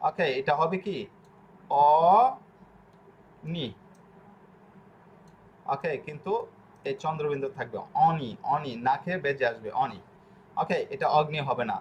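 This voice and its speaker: A man with a fairly high-pitched voice teaches a language class. He goes over each point slowly and repeats it, often pausing on fillers. A faint ambient hiss sits under the recording. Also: expressive, lo-fi sound. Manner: slow, repetitive explaining with frequent fillers. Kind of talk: online class lesson.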